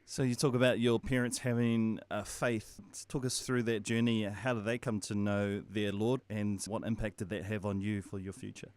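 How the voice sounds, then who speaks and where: A man hosting a radio interview, introducing his guest and asking brisk, friendly questions. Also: on the low side, little pitch movement, darkish tone, no echo. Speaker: radio host.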